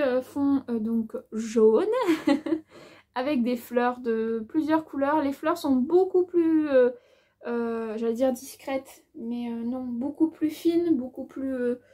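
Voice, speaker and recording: A woman with an accent of her own talks her viewers through new fabric in a casual haul video. Her voice sits high and sounds mellow rather than bright. She thinks aloud as she measures, pausing often with filler words. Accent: has an accent of her own. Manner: lots of hesitations and filler words. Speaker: sewing vlogger.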